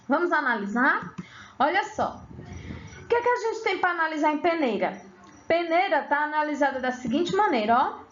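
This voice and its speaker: A woman's voice: sits high, fairly bright tone, highs cut off, slight background noise. A woman teacher giving an online grammar lesson, asking her students questions and answering them herself.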